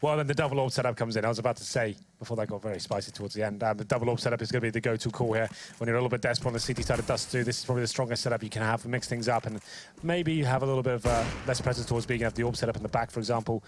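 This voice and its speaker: A man's voice: mid-range voice, steady tone, racing, noisy background. A man giving tactical color commentary on a competitive shooter match, analytical and casual, with frequent fillers.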